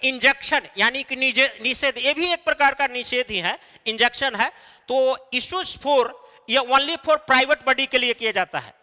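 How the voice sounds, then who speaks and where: A man's voice: very high voice, unhurried, bright, forceful tone, big-room sound. A man teaching an exam-preparation class, explaining step by step and answering his own questions. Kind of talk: recorded lecture.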